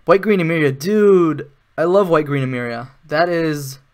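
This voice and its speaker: A man's voice: fairly high pitch, normal speed, clear, resonant tone. A man giving casual live-stream commentary while playing an online card game, thinking aloud, with sarcastic asides.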